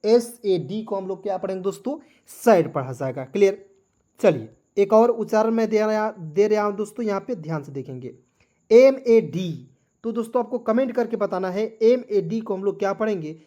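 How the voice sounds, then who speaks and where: This English teacher, a man with a high, mellow voice and lively intonation at normal speed, gives a lesson for beginners. He spells words one letter at a time, often checking in with "clear?" and "okay ji".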